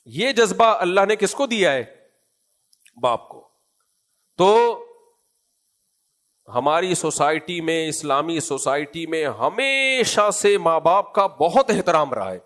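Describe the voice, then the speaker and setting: A man's voice: fairly high pitch, animated, long pauses, fairly bright tone. A man with a Pakistani Urdu accent giving a Quran commentary lecture, asking rhetorical questions and answering them himself. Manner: acts out casual scolding in asides. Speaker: preacher.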